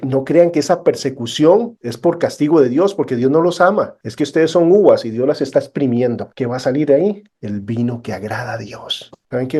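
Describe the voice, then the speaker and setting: A man teaching a sermon-style Bible lesson, asking his class rhetorical questions and telling lively stories. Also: medium pitch, breathy edge. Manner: animated storyteller, acts out quoted dialogue.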